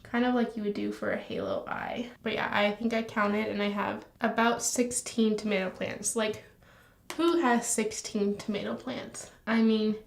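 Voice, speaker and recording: A young woman talking casually through a makeup tutorial at home, chatty and rambling, now and then dropping to a soft whisper. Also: mid-range voice, normal speed, creaky. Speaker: beauty vlogger. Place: home room. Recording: echoey room.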